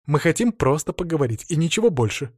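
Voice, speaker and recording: A man voicing a kind young woman who calms a frightened captive. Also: on the high side, fast, slightly rough, no echo, clean studio sound. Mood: soothing. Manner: soothing, reassuring. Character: kind, calming young woman, a guard's partner.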